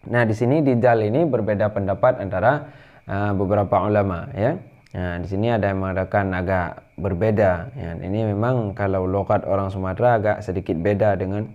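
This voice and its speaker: A man teaching tajwid, explaining rules briskly and then reciting verses slowly in a higher chant. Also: darkish tone, lo-fi sound.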